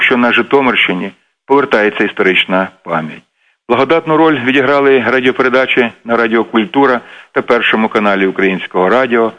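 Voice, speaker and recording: A man's voice: medium pitch, fairly bright tone. A man hosting a radio program, giving an earnest, emotive scripted reading. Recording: dull lo-fi radio recording.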